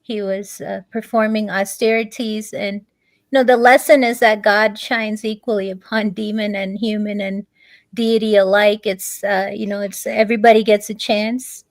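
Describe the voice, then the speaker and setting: A woman, a guest in a conversation, telling a long story in a halting way, pausing on many fillers and restarts. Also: mid-range voice, flat delivery, no room sound.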